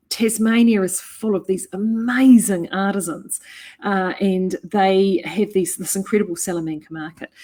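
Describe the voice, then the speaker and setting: Chatting to camera in her yarn shop, a middle-aged woman with a New Zealand accent speaks in a warm, husky, mid-range voice. She runs the shop and makes knitting vlogs, and her eager, casual talk is peppered with fillers and false starts.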